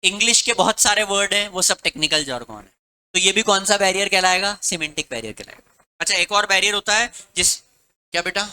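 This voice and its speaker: A male commerce teacher from Rajasthan lectures a classroom of students. His voice is very bright and sharp, and he switches between Hindi and English. He keeps quizzing the class with the same question again and again. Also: high-pitched, a little fast, clear, resonant tone, poor audio. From Rajasthan, India.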